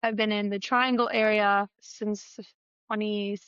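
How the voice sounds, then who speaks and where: A woman's voice: mid-range voice, little pitch movement, measured pace, a bit bright, clear, resonant tone, dry recording, highs cut off. A young woman from Argentina, a guest musician telling her story in a chatty, playful way over a video call. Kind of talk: casual interview chat.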